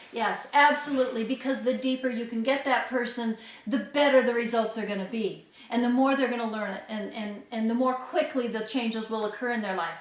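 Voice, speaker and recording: A woman explaining off the cuff to an audience, emphatic and repeating her points for stress. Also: fairly high pitch. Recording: echoey room, distant from microphone.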